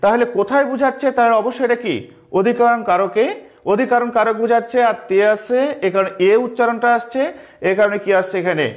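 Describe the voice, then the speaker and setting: A man with a Bangladeshi Bengali accent teaches an online grammar class in a fairly high voice. He goes slowly, repeating each key term and posing questions he then answers himself. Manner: slow, repeats key terms, asks and answers his own questions.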